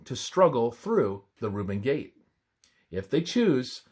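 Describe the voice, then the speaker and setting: A man narrates a devotional religious script at a medium pitch, reading with the steady, emphatic cadence typical of scripture.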